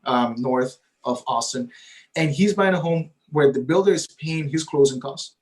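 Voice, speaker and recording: Pitched on the high side and a little mellow, this man speaks at a moderate pace. He's a realtor guest whose first language is Spanish, chatting eagerly in a casual interview and frequently capping his points with "right?".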